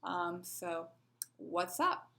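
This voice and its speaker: A woman's voice: lowish voice, very animated, extremely slow, gravelly, sharp tone. A woman teaching a sign language lesson, patiently explaining and asking rhetorical questions as she demonstrates.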